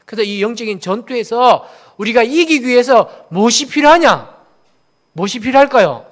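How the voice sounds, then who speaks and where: Man, pastor, from Daegu, sermon, call-and-response, lively bouncing pitch. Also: fairly quick. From Daegu, South Korea. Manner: asks the congregation questions and has them repeat phrases.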